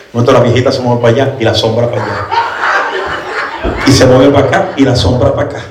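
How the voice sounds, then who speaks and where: A man preaching in a church, telling a comic story in an animated way and now and then switching into English. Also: medium pitch, fast, very noisy. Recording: very echoey church hall, mic from far off.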